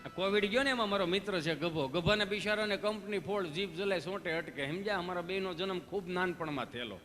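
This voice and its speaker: High, bright Kathiawadi Gujarati man. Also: fast talker, long reverb tail, faint music behind. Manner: folksy storytelling with preachy asides. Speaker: stand-up comedian. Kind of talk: live stage comedy monologue.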